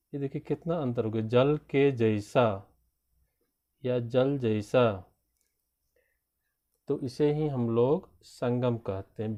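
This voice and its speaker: A man teaching a grammar lesson to children, explaining slowly and drawing out his example words. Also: medium pitch, dark tone. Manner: slow, deliberate explanation with drawn-out example words. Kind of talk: classroom lesson addressed to children.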